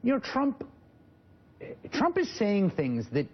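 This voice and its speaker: A male news host with a husky, breathy voice that swoops widely in pitch as he talks. He leads the panel, thinking aloud and restarting his sentences. The broadcast audio is slightly muffled. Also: wildly swooping pitch, slow pace. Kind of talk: cable news panel discussion.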